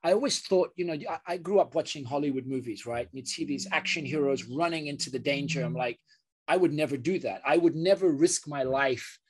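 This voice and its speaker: A British surgeon, appearing as a guest in an interview conversation, talks earnestly but haltingly, frequently restarting his sentences. His voice is on the high side with a breathy edge.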